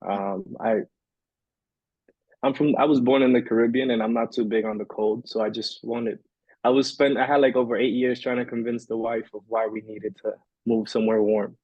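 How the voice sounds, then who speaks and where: Husky-voiced man from the Dominican Republic. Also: medium pitch, steady tone, normal speed, a little mellow, no room sound. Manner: reflective, with many fillers and "right?". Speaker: podcast guest, entrepreneur. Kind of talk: casual interview talk. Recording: dry, dull lo-fi sound.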